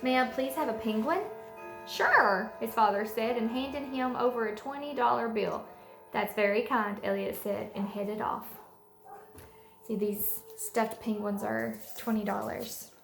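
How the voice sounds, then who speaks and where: With a fairly high, steady voice and a slightly slow delivery, this woman reads a storybook aloud to young kids at home and talks with them simply, like the preschool teacher she is. Faint music sits behind her, and the echoey room carries clear background noise.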